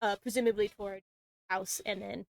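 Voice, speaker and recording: A woman narrating as dungeon master, with quick, halting restarts. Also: medium pitch, flat delivery, gravelly, no room sound. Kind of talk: narrating a tabletop game.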